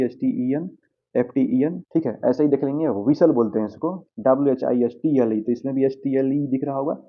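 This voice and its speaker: A man teaching English pronunciation over slides, patiently asking the viewer questions and answering them himself. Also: mid-range voice. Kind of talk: slide-based pronunciation lesson. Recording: tinny phone-like sound.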